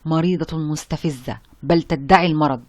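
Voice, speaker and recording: Brief: reader doing a cold, bitter male doctor for an audiobook novel, stern and cutting, middle pitch, dry close sound. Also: fairly quick, a little mellow, dry recording, natural voice. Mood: scornful. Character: harsh bitter young male doctor, scornful of women.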